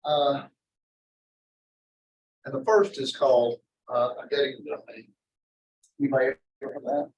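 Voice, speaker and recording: A man giving an informal university math lecture in a rambling, halting way, often interrupting himself and drifting into asides. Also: mid-range voice, big pitch swings, muffled recording, a little hiss or hum. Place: indoor classroom. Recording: echoey lecture room, distant mic.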